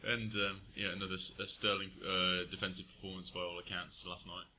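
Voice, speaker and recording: A deep-voiced man co-hosts a casual chat and rambles through his thoughts with plenty of ums and restarts. His tone is bright and a little sharp, and a faint noise runs under the recording. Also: level tone, fairly quick. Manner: rambling, hesitant, many fillers. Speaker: podcast co-host.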